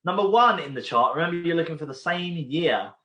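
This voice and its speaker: A man's voice: on the high side, expressive, brisk, sharp tone, muffled recording. A man from the UK hosting an online pub quiz from home, chatting casually, rambling between questions and repeating each question. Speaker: quiz host. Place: room at home. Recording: roomy home recording.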